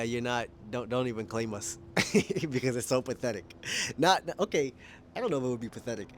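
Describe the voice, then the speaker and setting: A young man from Kenya with an American accent vlogs to camera from a rooftop outdoors in a mid-range voice, with a little hiss or hum on the audio. He speaks casually, rambles, corrects himself as he goes, and laughs often.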